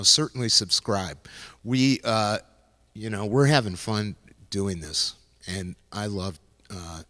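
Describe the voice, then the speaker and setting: A man's voice: lowish voice, pushed and bright, big-room sound. A man hosting a casual gear talk, rambling loosely with frequent restarts as he speaks into a handheld vocal mic. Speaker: host demonstrating music gear. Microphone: handheld vocal mic into a loop station.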